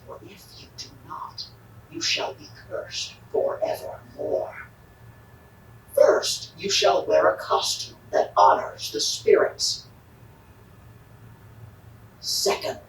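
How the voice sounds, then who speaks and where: A man's voice: on the high side, huge pitch swings, slow pace, vocal fry, exaggerated voice. A man voicing an ominous spirit from beyond in a Halloween audio drama, with a solemn, menacing delivery. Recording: echoey, distant, noisy.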